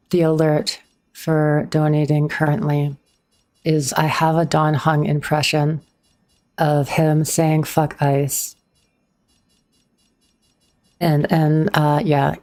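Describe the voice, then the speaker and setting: A woman's voice: deep voice, a little mellow. A woman streamer chatting casually with her viewers as she plays, a little awkward, answering chat on a streaming microphone.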